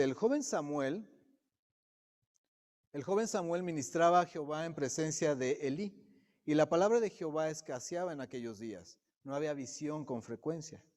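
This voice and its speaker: A man delivers a sermon to his congregation in a fairly high but mellow voice. He keeps turning to the people with direct questions. The church hall adds a long, ringing reverb behind his words. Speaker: preacher. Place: church sanctuary.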